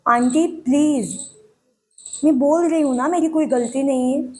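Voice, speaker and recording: A woman's voice: high voice, measured pace, a little mellow. A woman acting as a young girl who misses her mother and pleads with her father in a dramatic audition monologue. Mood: pleading. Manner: pleading, childlike, with a lot of repeating. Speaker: actress auditioning.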